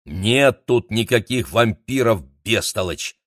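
A man voicing a mournful, fretful old hotel owner who laments and scolds in a low, slow voice. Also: expressive, no room sound, studio quality, exaggerated voice. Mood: aggrieved. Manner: lamenting, exasperated.

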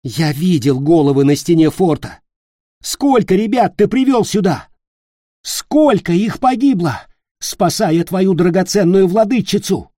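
A man voicing a horrified young man who shouts accusations and sarcasm. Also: sits high, expressive, measured pace, no echo, clean studio sound, voice pushed up. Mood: accusing.

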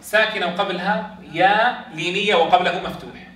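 A man's voice: sits high, brisk, a bit bright. A man, teaching a class on recitation rules and quizzing his students. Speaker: Quran teacher. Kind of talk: classroom lesson on tajweed rules. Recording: echoey classroom, voice from far off.

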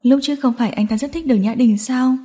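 A woman narrating a romance novel audiobook in a steady storytelling manner. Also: sits high, fast talker.

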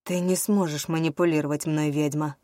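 A woman voicing a cold, menacing male villain who speaks low and slow in an audiobook. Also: fairly even intonation, mellow, no room sound, studio quality, natural voice. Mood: cold menace.

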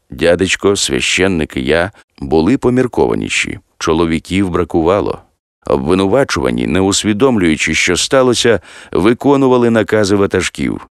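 A male audiobook narrator with a very low, gravelly voice that still reads smooth and resonant. His delivery is lively and varied. The recording is dry and close. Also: no room sound. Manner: expressive storytelling.

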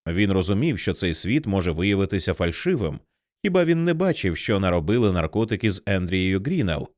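Male audiobook narrator, expressive and dramatic, dry close sound. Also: low-pitched, a little fast, no room sound. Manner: lively, dramatic storytelling.

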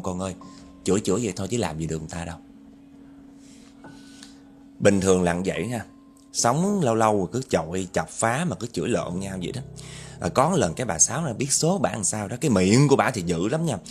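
A man narrating a ghost story in a lively, dramatic way, addressing his listeners directly. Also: lowish voice.

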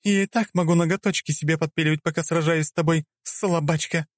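A man's voice: a little high, steady tone, fast, no room sound, clean studio sound, pitched above the performer's own voice, natural voice. A man reading an audiobook, voicing an arrogant, hot-tempered young queen who taunts her rival. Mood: taunting. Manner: arrogant, taunting, then flustered.

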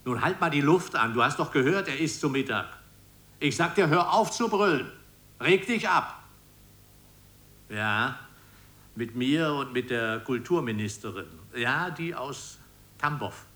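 A coarse, no-nonsense justice minister handles a phone call with blunt, matter-of-fact talk in a radio play. His voice sits at a middle pitch and moves in a lively way. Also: unhurried, long pauses. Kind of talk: 1990s radio play satire.

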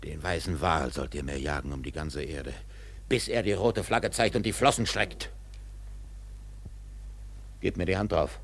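An actor playing an obsessed, vengeful whaling captain in a German radio drama, with a husky, gravelly voice and a commanding, brooding delivery. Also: male voice, very deep voice, unhurried, pauses often, exaggerated voice.

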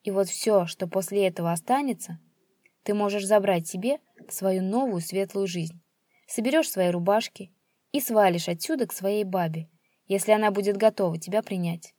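A woman voicing an adult son who talks flatly and coldly. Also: medium pitch, normal speed, no echo, studio quality, lightly acted. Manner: flat, calm, cold delivery. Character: cold, calm adult son, grim and menacing.

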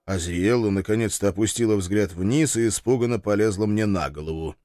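A man's voice: on the low side, fairly quick, mellow, no room sound, studio quality. Man narrating a wry audiobook. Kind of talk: first-person audiobook narration.

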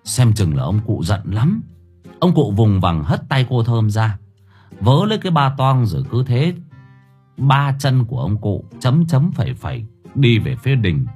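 A man narrating an audio story in a lively, unhurried storytelling manner. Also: mid-range voice. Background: faint music.

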